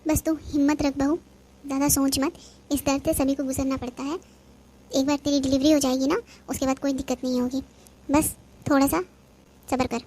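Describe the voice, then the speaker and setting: Cartoon mother-in-law, soothing and motherly, voiced by a high-voiced woman. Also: flat delivery, brisk, long pauses, warm tone, natural voice. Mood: reassuring. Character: caring middle-aged mother-in-law, reassuring. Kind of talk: cartoon voice acting.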